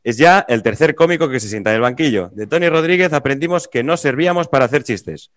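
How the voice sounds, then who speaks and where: A man's voice: medium pitch, quick pace, fairly bright tone, dry recording, studio quality. A man from Tarragona hosting a podcast, chatting casually and laughing easily. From Tarragona, Catalonia. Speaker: podcast host.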